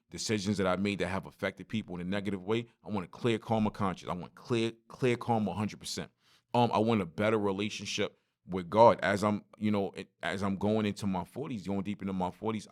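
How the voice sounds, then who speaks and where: A man talks alone into the mic for his podcast. His voice sits a little low, and he tells stories in loose, animated street slang, speaking straight to his listeners. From Brooklyn, New York. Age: 40s. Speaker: podcast host. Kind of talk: solo podcast monologue.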